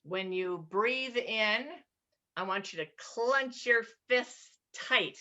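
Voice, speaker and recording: A woman's voice: mid-range voice, lively intonation, slow, pushed and bright, dull audio. A woman in her sixties leading an online laughter yoga class. She is playful and cheery, and she laughs and cheers often.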